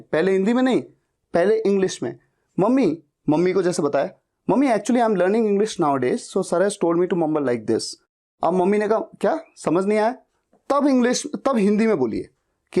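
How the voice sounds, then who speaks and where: A man teaching spoken English, repeating each practice phrase slowly and clearly. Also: high-pitched, a little mellow.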